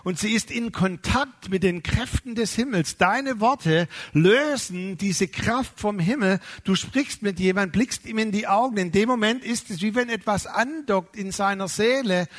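A middle-aged man, a pastor, preaching a sermon with lively emphasis, slowing down on key words and acting out the voices of people he quotes. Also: sits high.

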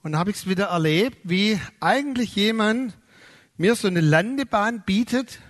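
A middle-aged pastor preaching with a high, light voice that rises and swells as he drives his points home. He slows down on key words for emphasis and acts out the people he quotes. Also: expressive. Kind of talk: sermon.

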